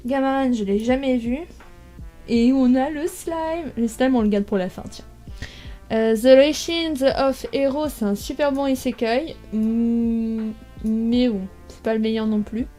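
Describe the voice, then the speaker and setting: A chatty young woman with a fairly high but mellow voice, thinking aloud as she sorts titles into a tier list. She fills her speech with hesitations and little asides, and faint music plays behind her. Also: measured pace. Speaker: YouTuber ranking manga. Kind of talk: casual tier list commentary.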